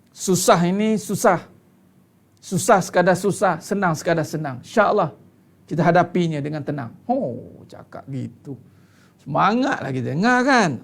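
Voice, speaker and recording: Preaching to a congregation in a religious lecture, a man with a Malaysian Malay accent speaks in a high, creaky voice. He is emphatic, drawing out key words and launching rhetorical questions.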